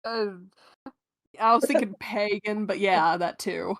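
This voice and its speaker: Quiet deadpan woman on a podcast, talks real slow. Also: mid-range voice, dry recording. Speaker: podcast co-host. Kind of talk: casual chat.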